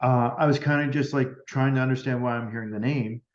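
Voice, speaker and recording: A man's voice: mid-range voice, steady tone, quick pace. Roomy-sounding man telling a story. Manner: retells conversations by acting out both sides, with many "like" fillers. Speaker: medium, podcast guest. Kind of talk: storytelling in a casual interview. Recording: roomy and slightly dull sound.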